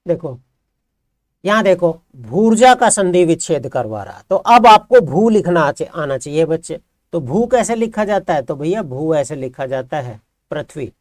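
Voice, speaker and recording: A man's voice: fairly high pitch, big pitch swings, normal speed, darkish tone, no echo. Dry, patient male Hindi teacher. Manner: explains patiently, asks the class questions and answers them himself. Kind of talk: classroom grammar lesson.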